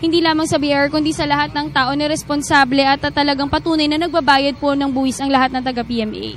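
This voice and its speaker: Filipino lady tv host, fast and high, polite quick questions. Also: steady tone. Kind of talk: morning TV interview.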